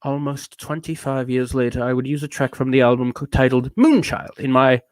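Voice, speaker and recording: A drunk man putting on an affected fake British accent to read aloud in a slow, grand, pompous way. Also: on the high side, sing-song, no echo.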